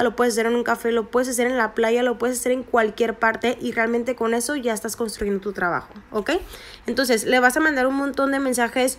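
A woman, chatting through a phone screen tutorial and repeating her points for emphasis. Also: fairly high pitch. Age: 20s. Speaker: network marketing vlogger. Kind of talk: screen-recorded tutorial narration.

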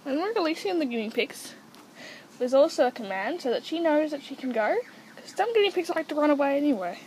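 Teenage girl, high-pitched, casual home tutorial host who coos sing-song commands at her pets. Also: very animated, brisk, a little mellow, slight background noise, low-quality recording. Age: teens. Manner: coaxing sing-song calls to her pets between explanations. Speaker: guinea pig owner demonstrating training. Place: at home beside a guinea pig cage.

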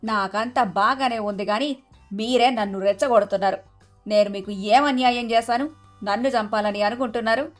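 A woman voicing a sharp-tongued middle-aged mother-in-law in an animated story, scolding and blunt. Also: a little high, normal speed, soft background music, lightly acted. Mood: indignant.

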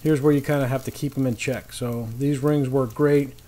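This cooking show host talks at a moderate pace with a mid-range, steady, warm voice. Standing on an outdoor paved patio next to a griddle, he walks viewers through a laid-back demonstration with folksy, informal directions. The sizzle of frying food comes through clearly in the background.

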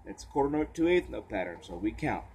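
A man teaching a clawhammer banjo lesson, a little tired, counting beats aloud in a relaxed, casual way. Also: mid-range voice, a little fast, vocal fry, rough recording. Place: porch. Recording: banjo playing behind.

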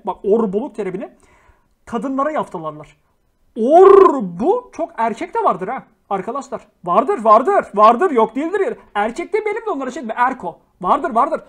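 A man's voice: extremely high pitch, fairly bright tone. A young man hosting a casual livestream, reading viewer messages, swearing freely and flaring into angry rants before apologizing. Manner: slangy, jokey, affectionate with viewers. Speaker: livestream host.

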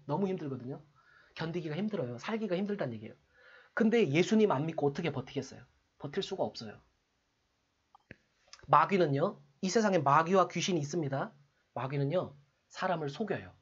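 Husky evangelist telling stories. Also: mid-range voice, muffled recording. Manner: storytelling, acts out quoted lines. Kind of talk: casual evangelizing to a live chat.

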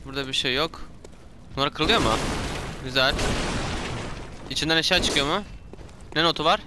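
A man commenting on his own gameplay, talking to himself, yelling and swearing when startled, his throat sore from shouting. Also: a little high, normal speed, very noisy. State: hoarse from shouting. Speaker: gameplay streamer.

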